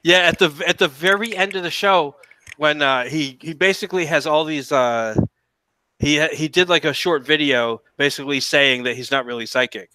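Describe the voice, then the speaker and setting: A man chatting casually on a livestream in a rambling, halting way, often repeating and restarting his phrases. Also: on the high side, pushed and bright, clear, resonant tone, no echo. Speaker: stream participant chatting about TV shows.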